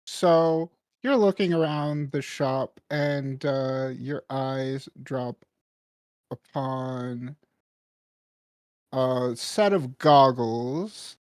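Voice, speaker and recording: A game master slowly narrating a tabletop game, pausing often with fillers. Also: mid-range voice, a little mellow, clean tone, no echo, clean studio sound. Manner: slow, halting narration with many fillers.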